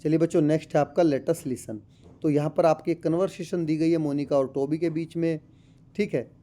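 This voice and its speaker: A man walks schoolchildren through a textbook lesson. His voice sits a little high and sounds very bright and sharp. He reads the lines slowly and then explains them patiently. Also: steady tone. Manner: reads English lines slowly, explains in Hindi addressing children. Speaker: tutor.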